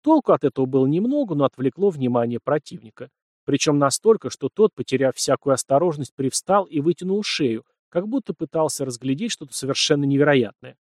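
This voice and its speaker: A man narrating an audiobook in a steady scripted storytelling delivery. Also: a little high, a little fast, dry recording, studio quality.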